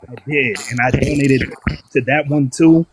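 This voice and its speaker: A man's voice: medium pitch, steady tone, a little slow. An eager man calls into a live show, speaking in loose slangy fan talk. His line crackles with faint noise and poor reception. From Haiti. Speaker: caller. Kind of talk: casual call-in. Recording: noisy bad phone reception.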